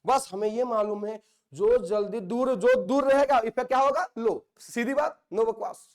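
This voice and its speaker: A man's voice: very high voice, moderate pace. A male chemistry teacher from India lecturing a classroom, joking, teasing and scolding the students while drilling points by repetition. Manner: repeats phrases for drilling.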